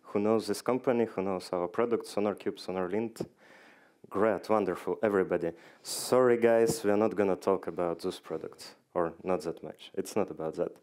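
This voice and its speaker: A man's voice: sits low, normal speed, a little mellow. A man giving a conference talk, joking dryly and quizzing the audience. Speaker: conference speaker. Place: conference hall stage.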